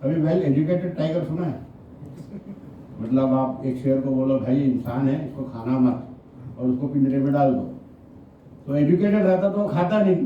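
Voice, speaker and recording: A man's voice: a little high, slight background noise. A man from Kerala giving a talk to a live audience, asking them questions and mixing English into his Hindi. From Kerala, India. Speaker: motivational speaker and trainer. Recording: echoey distant hall recording, muffled.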